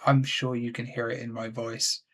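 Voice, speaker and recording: A man's voice: mid-range voice, flat delivery, normal speed, a bit bright, slightly rough. A frustrated man giving gameplay commentary at his computer, swearing constantly and talking to himself. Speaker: let's play gamer.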